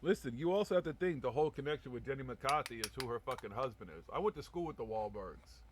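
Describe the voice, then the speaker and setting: A man hosting an informal live talk show. He rambles in a blunt, conversational way and peppers everything with heavy swearing. His voice sits at an ordinary middle pitch. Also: lively intonation, quick pace, a little hiss or hum. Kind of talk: casual profane live chat.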